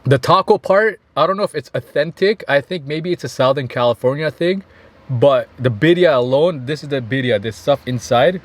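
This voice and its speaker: A man's voice: mid-range voice, expressive, normal speed. A young man from Canada chatting enthusiastically to his viewers in a casual mukbang vlog, recorded on a phone in a car. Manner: chatty, enthusiastic, addresses viewers as you guys. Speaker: food vlogger. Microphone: phone camera.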